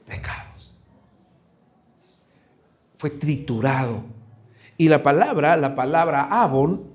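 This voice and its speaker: Earnest pastor preaching. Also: male voice, medium pitch, a little mellow. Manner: earnest, searching, with many restarts and rhetorical questions. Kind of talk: sermon.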